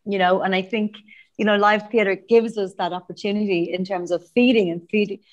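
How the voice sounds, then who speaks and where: A woman's voice: medium pitch, brisk, lo-fi sound. Echoey woman director on a call. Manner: reflective, animated, laughs easily. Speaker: theatre director. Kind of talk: video call interview. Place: small empty classroom, echoey. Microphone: video call.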